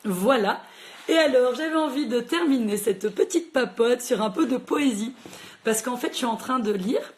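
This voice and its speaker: Woman, rapid chatty delivery, casual livestream book talk, phone mic. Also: fairly high pitch, expressive. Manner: fast-talking, chatty, lots of fillers. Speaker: librarian hosting a book chat.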